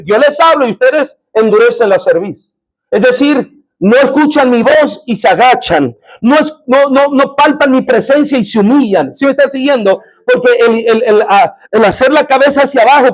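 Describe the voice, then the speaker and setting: A man preaching a sermon as pastor in a church, often asking the congregation questions. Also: very high voice.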